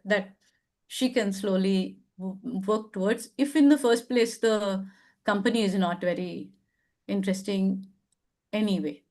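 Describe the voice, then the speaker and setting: An older woman with an Indian English accent hosts a relaxed advice show, sounding thoughtful and hedging, with lots of fillers. Her voice is medium in pitch with a somewhat dark tone.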